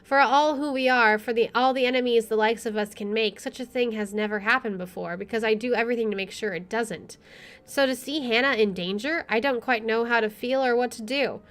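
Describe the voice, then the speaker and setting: A woman let's play streamer with a fairly high, slightly bright voice reads a visual novel aloud at a brisk pace, mixing in casual commentary. Faint game music plays behind her.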